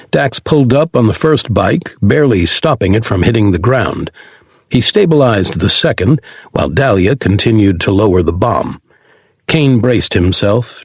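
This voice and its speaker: Male sci-fi narrator, husky, animated reading, dry studio sound. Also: lowish voice, dry recording. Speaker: audiobook narrator. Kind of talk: scripted audiobook narration.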